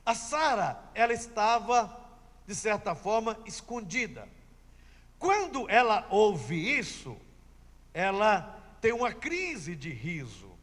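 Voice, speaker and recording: A man's voice: sits high, big pitch swings, slow, fairly bright tone, in a large hall. A man preaching a sermon, telling a scripture story emphatically and repeating key phrases.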